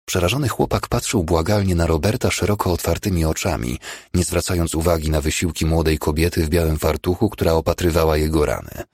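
A man reading a novel aloud as an audiobook narrator, in an expressive way. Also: extremely low pitch, brisk, husky, no echo, studio quality. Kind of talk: scripted narration.

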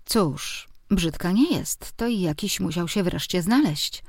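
A woman's voice: on the low side, animated, measured pace, slightly rough, dry recording, exaggerated voice. A woman voicing a clever, dryly teasing older father in an audiobook. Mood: wry. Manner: dry, mock-philosophical.

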